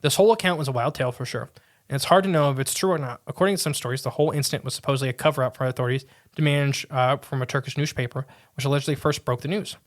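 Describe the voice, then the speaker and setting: Here a man races through a strange story in a mid-range voice while co-hosting a podcast. He adds informal asides and regularly stumbles, restarting lines.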